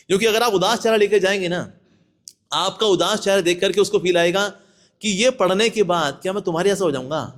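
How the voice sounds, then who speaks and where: Lively high-voiced monk preaching. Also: male voice. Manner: lively, acts out people with sudden voice shifts. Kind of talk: devotional talk to devotees.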